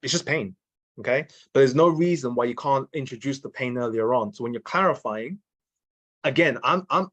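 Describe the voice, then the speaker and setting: A sales trainer teaches sales calls in a casual, repetitive training talk, restarting sentences and checking in with "okay?" and "right?" as he goes, dropping in mild swearing. His mid-range voice has a fairly bright tone and a moderate pace.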